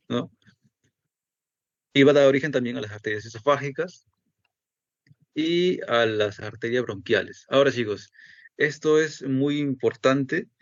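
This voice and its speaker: A man's voice: medium pitch, no echo. A man teaching an anatomy lesson step by step and asking himself the students' questions. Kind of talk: recorded anatomy lecture. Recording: dull, lo-fi dry recording.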